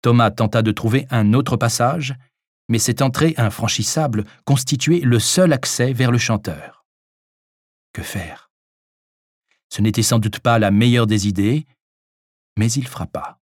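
A man narrating a suspenseful story in a steady, measured audiobook reading. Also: medium pitch, no echo, clean studio sound.

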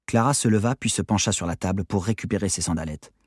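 A man's voice: husky, no room sound. Man narrating an audiobook, dry sound. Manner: low, measured narration.

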